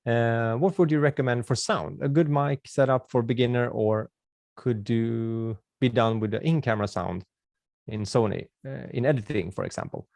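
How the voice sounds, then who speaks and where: A Swedish-accented man from Sweden runs a webinar, fielding viewer questions in a friendly, chatty style full of restarts and filler words. His mid-range voice has vocal fry and a darkish tone at a normal speed. The audio is studio quality, with no room sound.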